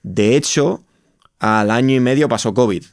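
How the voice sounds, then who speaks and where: A startup co-founder from Madrid, with a Spain Spanish accent, appears as an interview guest and reflectively tells his own story, often rephrasing himself. His voice is medium-pitched at a moderate pace, on a dry, studio-quality recording.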